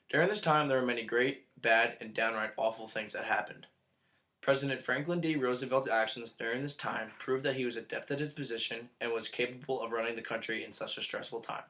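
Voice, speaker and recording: A man's voice: medium pitch, a little fast, sharp tone. A man reading scripted historical narration aloud in a formal, report-like way.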